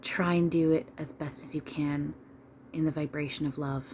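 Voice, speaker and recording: A woman's voice: deep voice, fairly even intonation, normal speed, darkish tone, a little hiss or hum. A woman speaking as a trance medium channeling a spirit, giving informal, emphatic, repetitive counsel straight to listeners. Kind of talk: seance medium channeling, informal advice monologue.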